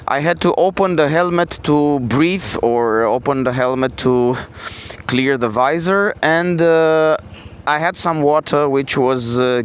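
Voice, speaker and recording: Male reviewer, non-native English, slightly high voice, halting and repetitive casual delivery, vehicle noise in background. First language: not English. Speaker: product reviewer. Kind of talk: casual spoken product review. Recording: clear outdoor traffic and vehicle noise.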